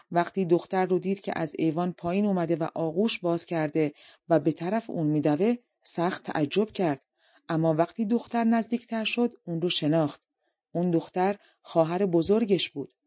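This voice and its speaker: A woman narrating a folk tale for an audiobook in a calm, measured way. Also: on the low side, no room sound. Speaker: audiobook reader.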